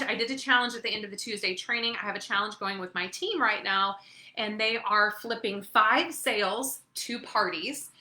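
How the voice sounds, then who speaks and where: A woman's voice: medium pitch, bright, forceful tone, echoey room. A woman leading a webinar training for her sales team, upbeat and chatty, often checking in with "okay?" and "right?". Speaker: network marketing team leader.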